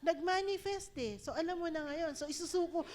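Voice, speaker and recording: A woman pastor with a Filipino accent, preaching an animated, laughing sermon that mixes English into her talk. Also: extremely high pitch, brisk.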